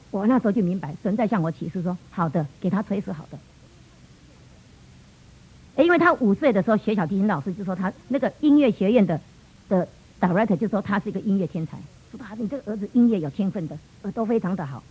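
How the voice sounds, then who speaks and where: A woman's voice: mid-range voice, animated, quick pace, slightly rough. A middle-aged woman with a Taiwanese Mandarin accent, giving a personal church testimony and acting out family dialogue as she tells it. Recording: muffled lo-fi recording.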